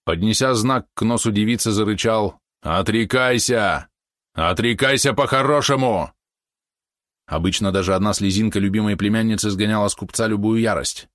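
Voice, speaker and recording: A man reading a historical novel aloud as audiobook narrator, measured and steady. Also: lowish voice, no room sound, clean studio sound.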